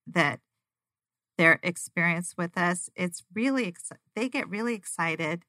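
A woman's voice: lowish voice, unhurried, bright, forceful tone, no echo, clean studio sound. A woman talking casually as a guest, with an emphatic, enthusiastic way of explaining. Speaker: auditor, interview guest. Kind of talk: casual conversation.

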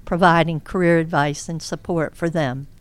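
Very old woman, interview guest. Smooth, clear, lowish voice, measured storyteller. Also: fairly even intonation. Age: elderly. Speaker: interview guest, career coach. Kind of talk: reflective interview conversation.

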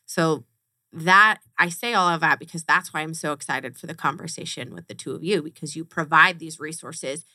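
A woman's voice: low-pitched, moderate pace, sharp tone, dry recording, studio quality. A woman hosting a podcast interview, enthusiastic and chatty, who laughs often. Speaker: podcast host. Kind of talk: casual interview chat.

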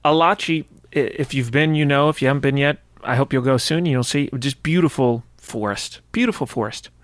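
Man, radio host, chatty, mid pitch, dry close sound. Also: dry recording. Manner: warm, chatty, quick to cheer. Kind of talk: radio interview.

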